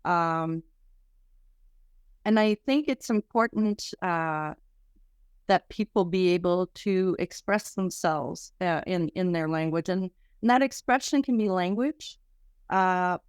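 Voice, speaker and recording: A woman's voice: fairly low pitch, clear, resonant tone, dry recording, studio quality. A middle-aged woman from Quebec, a research director speaking earnestly in a podcast interview, often restarting her sentences. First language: French. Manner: earnest, halting with many restarts.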